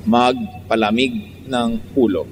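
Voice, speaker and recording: A man with a Filipino accent preaching a sermon, mixing Tagalog and English, with lively, emphatic delivery and sudden high bursts. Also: slow. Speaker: pastor. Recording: long hall reverb, faint background noise.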